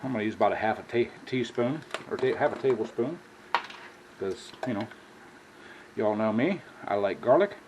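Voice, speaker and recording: Viewers get called y'all by this American man as he hosts a casual home cooking vlog in a plain-spoken, folksy style. His voice is on the low side, with lively intonation, normal speed and long pauses. The dull audio from his indoor home kitchen has clear background noise and kitchen ambience.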